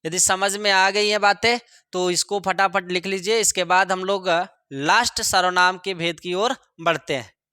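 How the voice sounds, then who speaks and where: Man teaching slowly, crisp bright voice. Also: high voice, fairly even intonation, dry recording, clean studio sound. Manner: repeats example sentences slowly for dictation. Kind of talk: classroom lesson.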